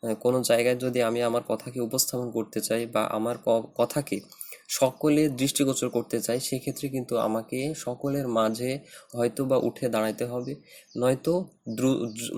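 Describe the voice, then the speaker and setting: A man with a Bangladeshi Bengali accent teaching design principles in a tutorial, talking in a halting way with many fillers and restarts. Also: mid-range voice, a little mellow. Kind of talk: screen-recorded tutorial.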